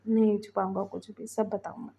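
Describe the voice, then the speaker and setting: A woman voicing a guilty young man who softly begs his younger brother's forgiveness, in a fan fiction reading. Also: medium pitch, little pitch movement, moderate pace, vocal fry, natural voice. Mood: pleading. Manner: soft, meek, pleading.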